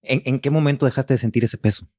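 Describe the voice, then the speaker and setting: A man hosting a podcast interview, mostly listening and asking gentle follow-up questions. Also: medium pitch, quick pace. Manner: short backchannels, gentle probing questions. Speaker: podcast host, life coach. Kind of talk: casual interview.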